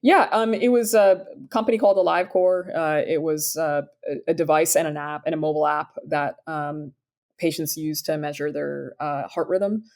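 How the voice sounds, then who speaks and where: The guest is a woman in her thirties with Sudanese roots who founded a startup, and she answers interview questions about her career. Her low-pitched, slightly mellow voice stays steady at a moderate pace, and her upbeat, enthusiastic replies are peppered with fillers.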